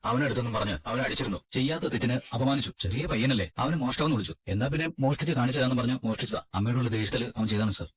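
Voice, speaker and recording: A man's voice: mid-range voice, rapid-fire, few pauses, slight background noise, natural voice. A man voicing an earnest young husband who defends his family, in a fan-made dub. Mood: pleading. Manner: pleading, earnest. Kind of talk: amateur Malayalam fan dub.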